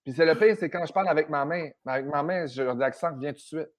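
A man's voice: fairly high pitch, quick pace. A man in his thirties from Saguenay with a Quebec French accent, a guest actor chatting casually over a video call, playful, hesitant when turning serious. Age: 30s. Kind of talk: casual interview chat.

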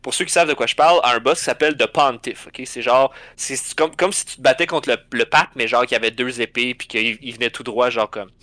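Bright-voiced Québécois man telling a story. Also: medium pitch, quick pace, hardly any pauses, dry recording. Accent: Québécois French. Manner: animated, swears a lot, acts out scenes. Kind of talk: casual storytelling chat.

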